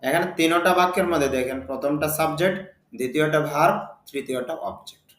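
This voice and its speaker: A man giving a spoken English lesson, reading example sentences slowly and asking and answering his own questions. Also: a little high, fairly bright tone, reverberant. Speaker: English teacher.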